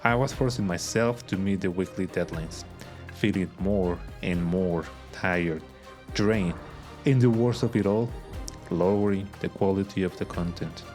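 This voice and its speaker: A vlogger narrates a personal story for his video channel, earnest and reflective, with soft guitar music behind him. His voice is low and his pace measured.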